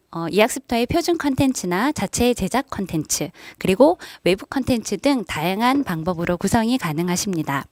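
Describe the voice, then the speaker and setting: A woman's voice: medium pitch, darkish tone, dry recording, clean studio sound. A woman presenting program guidelines to teachers in a polite, formal manner, with frequent fillers. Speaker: education official presenting programs.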